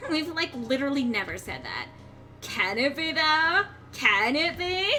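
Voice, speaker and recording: A woman's voice: sits high, sing-song, unhurried, sharp tone, faint music behind, full character voice. A woman voicing a bubbly, ditzy, gossipy sorority-girl monster with a Valley Girl accent. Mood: excited, teasing.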